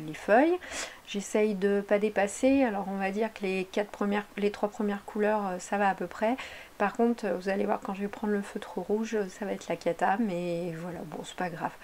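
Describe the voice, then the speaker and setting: A woman's voice: medium pitch, darkish tone, slight background noise. A woman talking casually over her craft video, chatty and meandering, often correcting herself mid-sentence. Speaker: craft vlogger.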